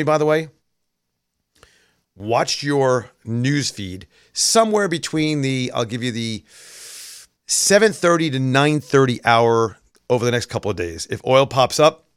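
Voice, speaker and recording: A man's voice: medium pitch, normal speed, smooth, no room sound, studio quality. Sarcastic male talk show host. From New York. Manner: sarcastic, wry asides. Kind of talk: casual political commentary.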